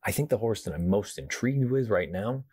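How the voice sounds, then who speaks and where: Hushed, low-pitched man previewing races. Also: animated, a little fast, breathy edge, dry recording, clean studio sound. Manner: hushed, quiet indoor voice, holding volume down. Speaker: horse racing show host. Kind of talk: casual race preview commentary. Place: hotel room.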